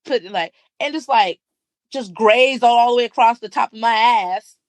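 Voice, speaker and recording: A woman's voice: on the high side, normal speed, no room sound. A young woman, co-hosting a podcast and telling a story in casual chat, acting out the other people's lines. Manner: animated, acts out dialogue in story. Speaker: podcast co-host.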